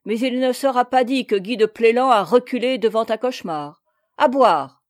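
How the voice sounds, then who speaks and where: A woman voicing a hot-tempered, boastful male knight captain in an audiobook, with loud commanding exclamations. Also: a little high, brisk, natural voice. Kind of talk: audiobook character reading.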